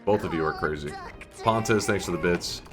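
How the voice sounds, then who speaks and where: A man streaming live gameplay on a headset mic, thinking out loud and swearing casually. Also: low voice, brisk, music in the background.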